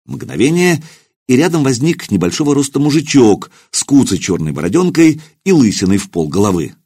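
A man narrating an audiobook with expressive storytelling. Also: medium pitch, fairly quick, breathy edge, dry recording, clean studio sound.

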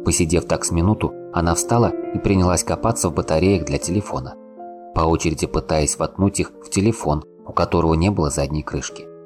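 A man narrating an audiobook in a calm, unhurried reading. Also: low-pitched, music in the background. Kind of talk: scripted narration.

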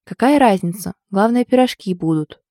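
A woman reading the part of an aunt who scolds her nephew with mock outrage but clear affection. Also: medium pitch, normal speed, mellow, dry recording, clean studio sound, natural voice. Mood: fond scolding. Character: fussy fond older aunt, scolding yet loving.

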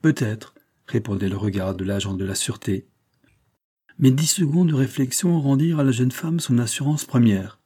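A man narrating a classic novel as an audiobook, in a measured, dramatic reading. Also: mid-range voice, lively intonation, mellow, breathy edge. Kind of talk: scripted narration.

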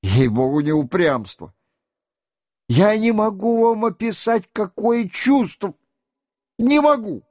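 A proud young count pleads in a flustered, hurried rush, as a male reader acts him out. His voice climbs high and lively, and the reading is dry and close-miked. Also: no echo. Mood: stubborn. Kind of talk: audiobook character reading.

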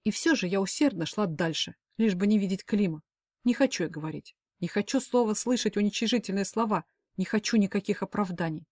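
A woman's voice: medium pitch, lively intonation, brisk, a little mellow, no echo, studio quality. A woman reading a first-person novel as an audiobook, with emotive, dramatic delivery. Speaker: audiobook narrator.

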